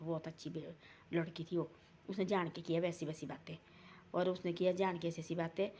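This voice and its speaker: A woman's voice: on the low side, darkish tone, slight background noise. A woman telling a family folk story in a casual, rambling way, repeating herself and acting out the dialogue. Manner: rambling, repetitive retelling with quoted dialogue.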